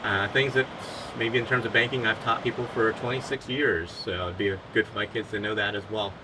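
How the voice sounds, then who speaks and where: A middle-aged father giving advice in a relaxed, conversational vlog, with many ums and uhs. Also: on the low side, a little fast, noisy background.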